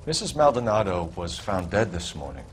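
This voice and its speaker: An actor playing an earnest, composed 1940s police detective in a video game, formal and courteous. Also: male voice, sits low, big pitch swings, normal speed, slight background noise. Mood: formal, sober. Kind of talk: video game drama acting.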